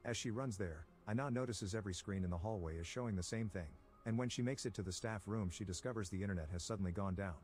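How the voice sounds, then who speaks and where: Recap voice-over, man with a lowish voice, rapid and steady delivery. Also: faint music behind. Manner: brisk, even, steady storytelling. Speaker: recap narrator. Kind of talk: scripted plot-recap narration.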